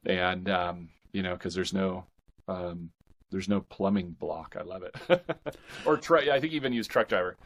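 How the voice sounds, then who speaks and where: Speaking in a low register, a man who writes indie fiction is interviewed in a casual, easygoing conversation. He comes across as sincere and thoughtful, groping toward his thoughts haltingly and repeating words as he goes.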